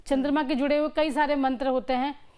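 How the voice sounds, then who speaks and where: High-voiced woman astrologer giving advice. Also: level tone, fairly quick, darkish tone. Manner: advising, direct, gives step-by-step remedies. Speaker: astrologer guest. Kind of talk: explanatory interview answers.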